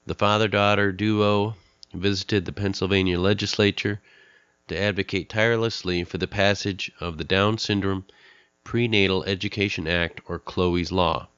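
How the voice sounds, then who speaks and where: A man's voice: sits low, fairly even intonation, fairly bright tone, clean tone, dry recording, dull audio. A middle-aged man hosting a podcast, speaking earnestly and candidly with a nasal, stuffed-up voice from a cold. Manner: earnest, candid, pauses with fillers. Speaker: podcast host. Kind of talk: podcast monologue introducing a guest.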